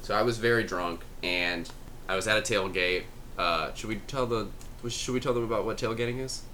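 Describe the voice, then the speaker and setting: A young man in his twenties co-hosting a podcast, talking casually with a dry, deadpan manner and some swearing. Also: fairly low pitch, a little fast, slight background noise. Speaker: podcast co-host. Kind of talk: casual chat.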